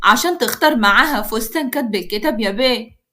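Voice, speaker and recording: A woman's voice: a little high, animated, fast talker, sharp tone. A woman voicing a polite, deferential house maid with an Egyptian accent.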